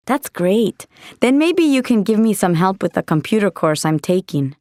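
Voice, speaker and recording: A woman's voice: mid-range voice, very animated, normal speed, a little mellow, no echo, studio quality, lightly acted. An actress playing a helpful, upbeat young woman in a scripted textbook dialogue. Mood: cheerful.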